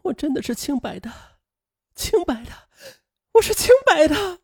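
Man putting on a shrill sobbing young woman. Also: sing-song, normal speed, creaky, no room sound, studio quality, exaggerated voice. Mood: hysterical. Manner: screaming, hysterical pleading.

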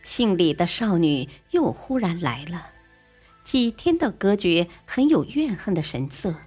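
A woman tells a classic tale with a husky, breathy quality and lively movement in her pitch. Her delivery is expressive and even-paced. Soft music sits faintly underneath. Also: a little slow. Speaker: storyteller.

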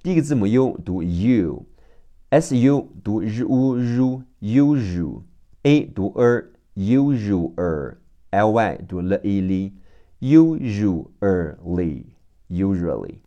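A man with a background teaches English phonics in a very slow, deliberate way. His voice sits a little low, and he spells words out letter by letter before repeating each one carefully. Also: very animated, dark tone, muffled recording. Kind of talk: phonics vocabulary lesson.

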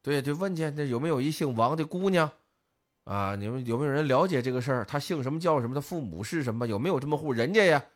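A man, co-hosting a podcast and telling a folk tale in lively, casual speech, putting on the voices of the villagers. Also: medium pitch, fast talker. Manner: lively storyteller, acts out village voices, northern colloquial. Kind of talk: casual storytelling chat.

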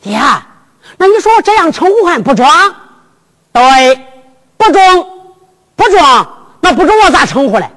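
A woman's voice: very high-pitched, very animated, moderate pace, pauses often. A woman voicing a naive, dim young prince who stammers and fumbles, with a Henan accent, in a drum-ballad tale. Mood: bewildered. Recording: long hall reverb with music.

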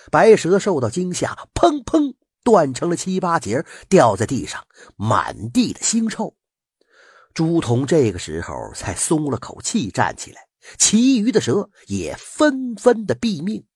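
A man telling a folk tale in a dramatic, animated storytelling manner. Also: mid-range voice, slightly rough, no echo, clean studio sound.

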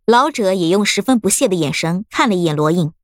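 A woman narrating an audiobook story in a steady, expressive storytelling manner. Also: lowish voice, fast talker, no room sound, clean studio sound.

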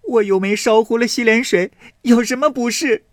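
A man's voice: high voice, animated, moderate pace, warm tone, dry recording, clean studio sound, voice pushed up. A man putting on a pert, pleading servant girl. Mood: tearful protest. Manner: pleading, indignant.

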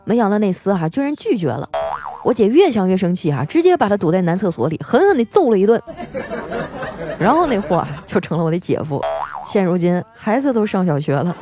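Lively, laughing woman radio host. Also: medium pitch, a little fast, crowd noise. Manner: playful, teasing, laughs often. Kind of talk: reading listener jokes on radio.

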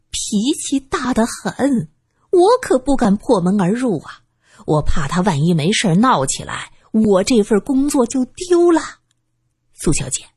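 A woman's voice: medium pitch, darkish tone, breathy edge, dry recording, studio quality. A woman playing a fussy nervous building manager. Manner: chatty, wheedling, anxious to avoid blame.

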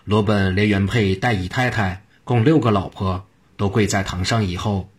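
A man reading a traditional story aloud in a steady narrating manner. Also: on the low side, normal speed, husky.

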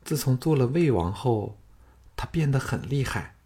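A male narrator voicing a tender, wistful young palace consort in a raised, hushed voice. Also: mid-range voice, animated, normal speed, husky. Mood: melancholy.

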